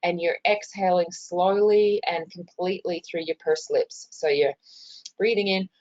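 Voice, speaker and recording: Casting: Australian woman, health educator, lowish voice, informal explanatory delivery, muffled webinar sound from a hospital. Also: fairly even intonation, a little slow, a little mellow. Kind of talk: informal instructional presentation. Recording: muffled, dull webinar audio.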